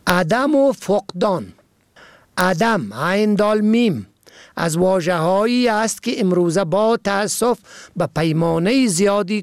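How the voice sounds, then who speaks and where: A man reads a vocabulary and usage lesson, measured and precise, spelling words out letter by letter. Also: high voice, no echo, clean studio sound. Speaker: language teacher.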